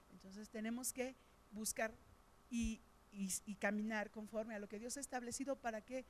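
A woman's voice: mid-range voice, a little hiss or hum. A middle-aged woman with a Mexican Spanish accent, preaching a sermon in a conversational storytelling way, with frequent fillers.

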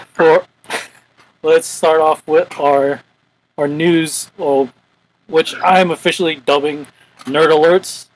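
A man's voice: fairly high pitch, rough recording. Chatty man hosting a podcast. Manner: rambling, chatty. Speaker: podcast host. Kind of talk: casual chat.

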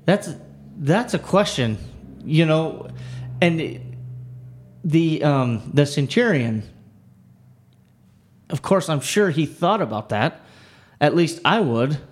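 A man co-hosting a casual Bible discussion, talking earnestly and haltingly, with frequent restarts and "you know". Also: on the high side, animated. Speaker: Bible study podcast co-host.

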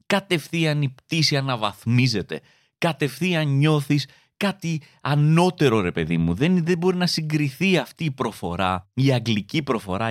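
A man's voice: no echo, studio quality. A young adult man doing a comedic monologue, acting out quoted voices as he tells stories. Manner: animated, acts out quoted voices with big pitch jumps. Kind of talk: stand-up style comedic monologue.

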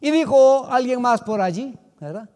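A man preaching a sermon as pastor, swinging from loud exclamations to quiet asides. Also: very high-pitched, lively intonation, moderate pace, long reverb tail.

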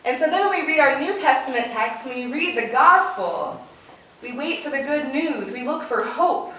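This high, animated female voice moves at normal speed with a sharp tone: a pastor encouraging her congregation in plain language, children's-message and sermon style, asking simple questions and repeating answers. It's captured indoors in a big reverberant church, very echoey, from a distant mic with faint noise.

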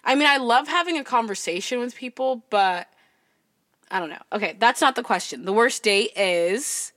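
A woman in her twenties from California, hosting a podcast and telling a story in a loud, chatty voice full of "like". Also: a little high, lively intonation, normal speed, no echo, clean studio sound. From California, USA. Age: 20s. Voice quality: loud speaking voice. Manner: chatty, fills speech with "like" and "I'm just like". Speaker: podcast host. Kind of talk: casual storytelling.

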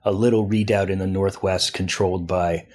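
Speaking at a moderate pace in a low, darkish voice with fairly even intonation, a man who is a foreign news editor answers an interview question at length. His analysis wanders, with frequent restarts and fillers.

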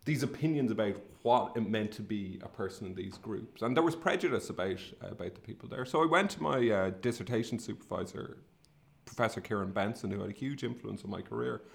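A man's voice: lowish voice, fairly quick, creaky. A middle-aged man with a west of Ireland, Sligo accent, talking conversationally and a little hesitantly, as if thinking aloud while telling a story. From Sligo, northwest of Ireland. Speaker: academic researcher and podcast host. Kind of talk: casual conversational career storytelling.

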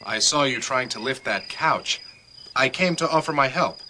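A man with an American accent playing a friendly young neighbor who offers help, in a clear, scripted lesson dialogue. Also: medium pitch, moderate pace, pushed and bright, a little hiss or hum, close to an everyday voice.

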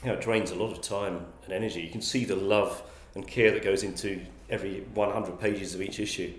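His voice sits low and steady, and he talks fairly quickly: an English magazine publisher taking interview questions as a guest. He thinks as he goes, restarting sentences and repeating words often, in an echoey-sounding room.

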